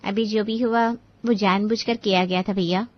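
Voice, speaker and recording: A woman's voice: medium pitch, steady tone, moderate pace, lo-fi sound, natural voice. A woman voicing a young married sister who brushes off complaints in a placating tone. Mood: defensive.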